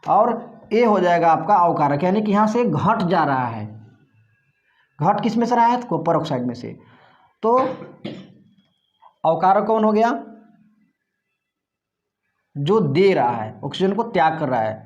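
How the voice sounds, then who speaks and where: A man's voice: sits high, big pitch swings, unhurried, long pauses, darkish tone, muffled recording. A male teacher giving a classroom chemistry lesson, putting questions to the class and answering them himself, repeating the key terms.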